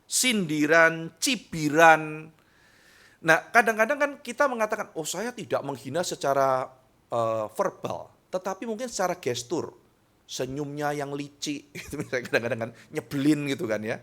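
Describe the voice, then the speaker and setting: Give me a male pastor preaching to a youth service, his voice a touch high and swinging widely in pitch. He talks in a lively, chatty way and acts out arguments between husbands and wives. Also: moderate pace. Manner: lively and conversational, acting out quarrels between spouses; addresses listeners as "saudara".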